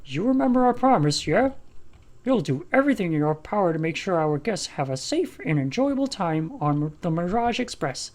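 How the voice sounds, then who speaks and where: A woman's voice: fairly low pitch, big pitch swings, normal speed, a little mellow. A woman voicing a courteous, cheery male train conductor in a game, speaking politely and formally.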